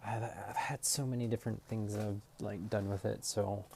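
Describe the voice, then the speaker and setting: A man's voice: fairly low pitch, little pitch movement, moderate pace, vocal fry, noisy background. A man streaming live, chatting casually and thinking aloud as he works, now and then scatting a beatbox. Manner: scat-beatboxes between remarks.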